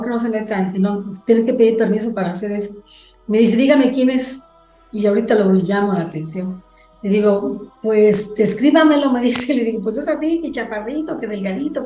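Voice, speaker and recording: A woman, a podcast guest telling a ghost story in an animated way and acting out the dialogue as she quotes it. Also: mid-range voice, roomy sound.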